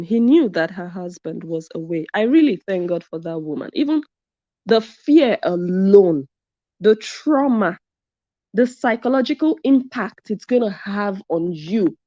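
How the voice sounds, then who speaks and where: Hosting a live commentary stream, this woman reads viewer comments aloud and emphasizes her points by saying them again. Her mellow, mid-range voice is animated yet measured in pace, captured with dull lo-fi sound and no room tone.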